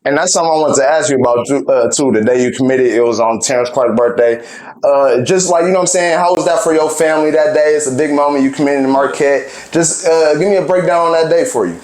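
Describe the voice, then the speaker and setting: A man hosting an interview, asking questions in a relaxed way, often saying "you know what I'm saying". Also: on the high side, fast talker, roomy sound, rough recording. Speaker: interview host. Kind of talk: casual interview chat.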